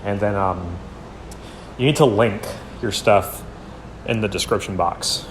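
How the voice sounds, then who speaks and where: Low-voiced man giving casual blunt critique. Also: a little slow, a little hiss or hum. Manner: loose and conversational, many fillers and trailing off; blunt, occasional swearing. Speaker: commentary channel host.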